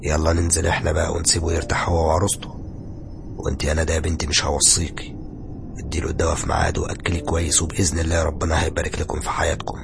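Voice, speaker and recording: A man's voice: a bass voice, monotone, rapid-fire, creaky, background noise, exaggerated voice. A man doing a soothing Egyptian father. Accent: Egyptian Arabic. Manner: soothing, reassuring. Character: calm, comforting father, older man.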